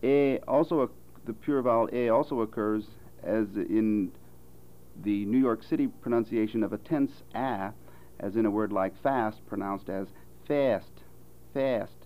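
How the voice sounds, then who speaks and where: An American man giving a careful, measured demonstration of vowel sounds as a phonetics instructor. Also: lowish voice, lo-fi sound. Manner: slow, careful, measured delivery with deliberate example words. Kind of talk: recorded vowel demonstration lecture.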